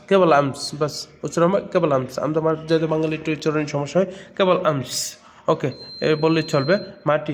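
A man from Bangladesh with a slightly high-pitched voice, teaching words casually. He says each word more than once and explains it in plain terms. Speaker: language teacher. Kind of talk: casual vocabulary lesson.

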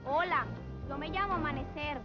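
Give me an actress playing a teasing Venezuelan flirt, muffled TV sound. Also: female voice, high-pitched, moderate pace, close to an everyday voice. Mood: flirty. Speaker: Amanecer. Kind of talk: 1990s telenovela acting. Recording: dull lo-fi TV audio with loud music.

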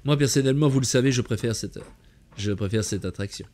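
Talking quickly in a mid-range voice, the host of a game channel takes viewers on a gameplay tour. He keeps it playful, joking around with obvious enthusiasm.

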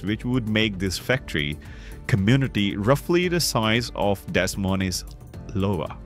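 Man narrating over soft music. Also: on the low side. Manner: slips and restarts mid-word; explanatory, conversational asides. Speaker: documentary narrator.

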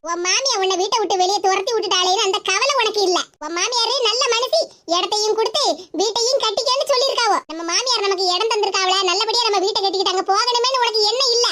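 A woman voicing a fiery, blunt middle-aged village mother-in-law with a Tirunelveli Tamil accent in an animated cartoon. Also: very high-pitched, quick pace, background noise. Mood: scolding. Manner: scolding, blunt, threatening.

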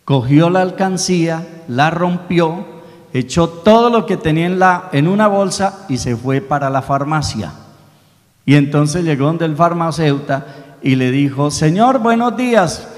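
A man's voice: a little high, moderate pace. A man with a Santander Colombian accent, a priest telling a folksy story during a sermon in church. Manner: folksy, lively storytelling preacher. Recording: reverberant church hall.

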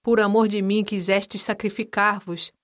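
A woman's voice: medium pitch, little pitch movement, measured pace, natural voice. A woman voicing a young nobleman son who speaks with sorrow and indignation. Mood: grieving. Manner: sorrowful, impassioned.

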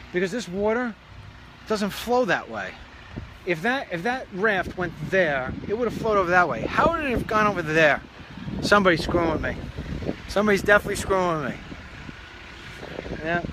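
Guy vlogging outside on his phone, chatty and rambling, bright punchy voice, bit of outdoor noise. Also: fairly high pitch, rough recording. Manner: chatty, rambling, joking asides. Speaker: show host. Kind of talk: casual walk-and-talk vlog. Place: outdoors on a rural property by a pond.

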